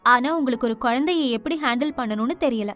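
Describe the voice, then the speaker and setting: A woman voicing a sweet, earnest young boy in an audio novel, talking quickly. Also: a little high, a bit bright, faint music behind, close to an everyday voice. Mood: playful.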